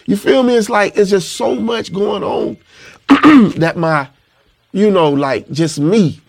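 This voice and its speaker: A rapper from Panama City, Florida, appears as a guest in a casual interview, speaking in a laid-back, reflective way. His high-pitched voice is creaky and unhurried, and he keeps saying "you know what I'm saying."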